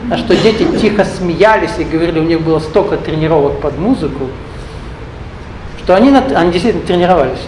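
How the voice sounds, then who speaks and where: A Russian-speaking (not Ukrainian) spiritual teacher with a notably high voice lectures a live audience, drifting between points, joking on the side, and posing questions to the room. He is expressive and fast. The echoey recording carries a faint hum from the hall.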